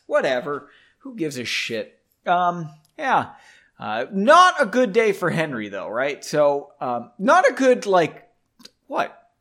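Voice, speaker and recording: A young man reads a novel aloud and keeps breaking off for loose, self-deprecating asides with casual swearing. His voice sits a little high for a man, and his pitch jumps around with a lot of energy. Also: fairly bright tone. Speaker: podcast host reading a novel aloud. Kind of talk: book reading with casual commentary.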